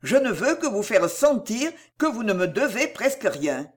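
Lower-voiced devoted young lover played by the reader, earnest, imploring, lively pitch, audiobook. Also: normal speed, natural voice. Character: ardent young man, pleading and devoted. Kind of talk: audiobook reading of a classic novel.

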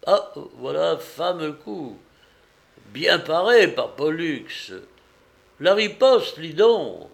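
A man reading aloud and voicing an excitable male spectator shouting at a fight. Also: a little high, unhurried. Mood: excited.

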